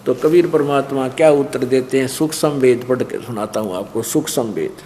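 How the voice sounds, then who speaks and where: A man with a Haryanvi accent, a spiritual teacher telling a story in an animated sermon. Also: mid-range voice, normal speed. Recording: long hall reverb, faint noise.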